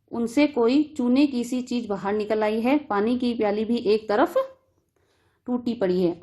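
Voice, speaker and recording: A woman's voice: mid-range voice, darkish tone. A woman teacher reading a story aloud and restating each line in simple words for students.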